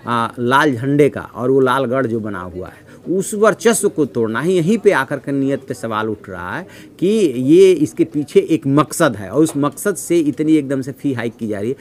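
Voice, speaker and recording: A middle-aged man giving a measured news commentary from a newsroom desk, reading figures from notes, with frequent "uh" fillers. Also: mid-range voice, big pitch swings. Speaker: news analyst. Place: newsroom office, indoors.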